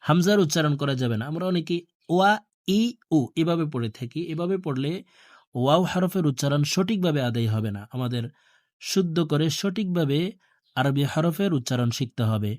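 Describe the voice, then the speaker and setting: A man teaching Quran reading, slowly chanting letter-and-vowel drills and breaking off now and then to explain pronunciation in quicker asides. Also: on the high side, expressive, a little mellow, no room sound, studio quality. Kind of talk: slow drilled recitation of Arabic letter sounds.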